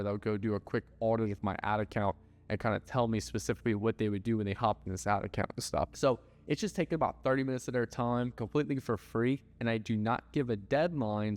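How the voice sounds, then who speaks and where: A man's voice: fairly low pitch, brisk, darkish tone. Blunt casual man, echoey hall. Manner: loose and blunt, heavy filler words, swears. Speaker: ad agency owner. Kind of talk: casual business advice talk. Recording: hall reverb with faint music.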